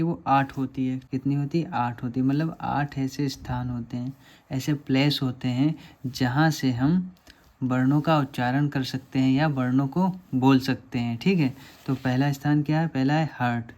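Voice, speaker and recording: A man's voice: mid-range voice, warm tone. A man teaching a lesson over diagrams, patiently asking questions and answering them himself.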